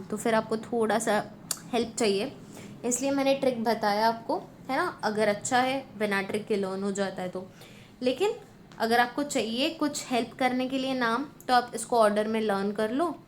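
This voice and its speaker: Animated female teacher acting out a mnemonic. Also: on the high side, a little hiss or hum. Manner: explains a memory trick, acting out a little story. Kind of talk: Hinglish classroom lecture.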